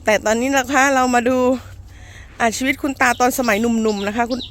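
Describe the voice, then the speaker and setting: A woman's voice: a little high, steady tone, fairly quick, fairly bright tone. A woman hosting a homemade comic skit outdoors, narrating in a playful, mock-earnest documentary manner with polite sentence endings. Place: outdoors in a rural garden. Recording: noisy outdoor amateur recording.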